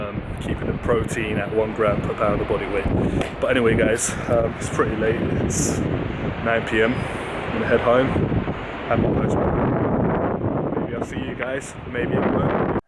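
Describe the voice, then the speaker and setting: Man vlogging in noisy wind. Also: mid-range voice. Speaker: fitness vlogger and host. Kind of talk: casual vlog talk to viewers. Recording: windy, noisy microphone with traffic.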